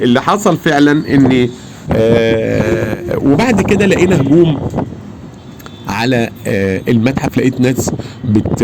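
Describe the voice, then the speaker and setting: A man with an Egyptian Arabic accent, telling an eyewitness story in an animated, emphatic way. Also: medium pitch, background noise. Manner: animated, emphatic, acts out his own shouts. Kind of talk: casual personal storytelling.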